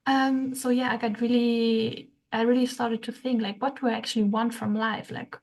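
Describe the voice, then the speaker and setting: A young woman, a podcast guest telling her story in a soft, hesitant way with frequent fillers and light laughs. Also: on the high side, little pitch movement, normal speed. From Switzerland. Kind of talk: casual interview chat.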